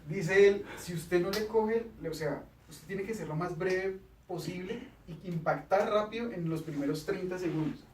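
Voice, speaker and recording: A man's voice: high voice, normal speed, roomy sound, recorded from a distance, slight background noise, poor audio. A man hosting a casual studio chat, explaining communication tips and acting out little quoted exchanges.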